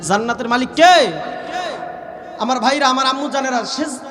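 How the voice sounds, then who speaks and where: A man from Bangladesh with a Gaibandha Bengali accent, preaching a waz sermon that he shouts and breaks into slow chanted verses, calling on the crowd to repeat after him. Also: extremely high pitch, roomy sound, long reverb tail, soft background music. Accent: Gaibandha region Bengali. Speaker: Islamic preacher.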